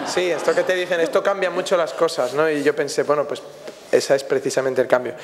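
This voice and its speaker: A man's voice: a little high, fairly even intonation, fairly quick, crowd noise. Spanish man, reverberant press room. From Spain. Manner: reflective, anecdotal, many tag questions. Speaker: film director at a press conference. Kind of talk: press conference answers, storytelling. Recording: long hall reverb.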